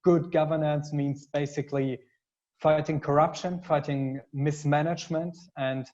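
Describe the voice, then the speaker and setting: A man's voice: a little high, flat delivery, unhurried, a little mellow, highs cut off. A man speaking as a panelist in a webinar, hesitant, with many fillers and restarts. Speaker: panelist, consultancy CEO.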